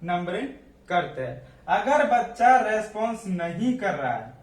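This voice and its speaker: A man's voice: high voice, big pitch swings, measured pace. A man teaching a nursing class as a lecture, asking questions and then answering them himself. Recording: echoey room, voice from a distance.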